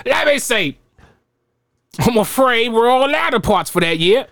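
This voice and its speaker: A man's voice: very high-pitched, expressive, unhurried, gravelly, a bit bright, no echo, studio quality, voice pushed up, exaggerated voice. A man voicing a helpful car repair shopkeeper in a theatrical comedy skit reading. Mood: apologetic, helpful. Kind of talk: comedy skit read from a script. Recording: very noisy background.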